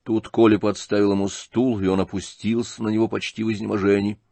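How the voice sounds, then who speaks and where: A man reading a classic novel aloud as an audiobook narrator, with expressive storytelling. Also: fairly low pitch, a little fast, gravelly, dry recording. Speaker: audiobook reader.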